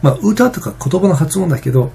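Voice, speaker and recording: Fast, gravelly, husky-voiced man. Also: on the high side, very animated, dark tone. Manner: rambling, many fillers and restarts. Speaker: vlogger. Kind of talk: casual vlog monologue.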